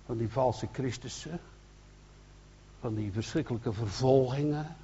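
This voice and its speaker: A man's voice: mid-range voice, measured pace, mellow, dull audio, a little hiss or hum. A man with a Dutch accent preaching a sermon as an evangelist, earnest, with many restarts and emphatic bursts.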